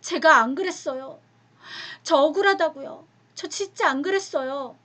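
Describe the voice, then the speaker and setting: A woman's voice: fairly high pitch, animated, normal speed. Give me a woman voicing a sincere, upright young servant man in a told Bible story, firm and earnest. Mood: pleading.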